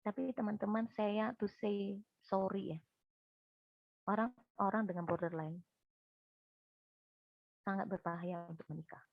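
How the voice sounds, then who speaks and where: Animated woman speaker, dull dry recording. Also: mid-range voice, unhurried, creaky, long pauses, dry recording. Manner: lively storytelling, often addressing the listeners directly. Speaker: counselor and guest speaker.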